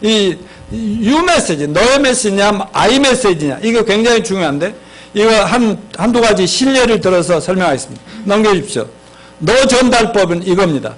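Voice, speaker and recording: A man's voice: expressive, moderate pace. A male pastor preaching a sermon who quizzes his congregation, leads them in reading aloud and acts out quarrels between spouses. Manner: acts out quoted spouses with sudden higher, sharper lines.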